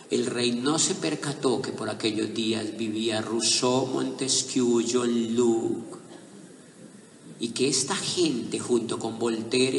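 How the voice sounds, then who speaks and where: A man giving an animated motivational talk to a live audience, telling a story and building to emphatic points. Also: medium pitch, vocal fry, a little hiss or hum. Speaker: motivational speaker. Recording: echoey hall, voice picked up from a distance.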